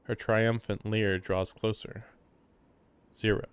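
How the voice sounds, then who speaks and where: A man's voice: on the low side, flat delivery, slow pace, slight background noise. A man reading visual novel text aloud and breaking into chatty, laughing commentary. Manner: reads text plainly, then breaks into chatty, laughing asides. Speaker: let's player.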